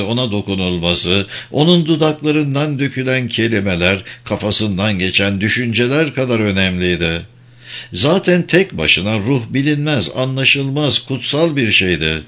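A man narrates a novel for an audiobook in a voice on the low side, his storytelling both measured and expressive.

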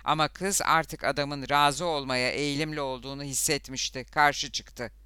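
A man narrating an audiobook in a steady, even storytelling manner. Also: mid-range voice, moderate pace, clear, resonant tone, no room sound.

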